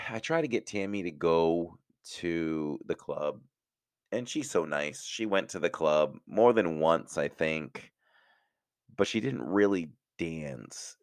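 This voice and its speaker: A man's voice: low-pitched, smooth, dry recording, clean studio sound. A middle-aged man hosting a podcast, telling a personal story in a chatty, self-mocking way and laughing at his own jokes. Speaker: podcast host. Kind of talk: casual storytelling.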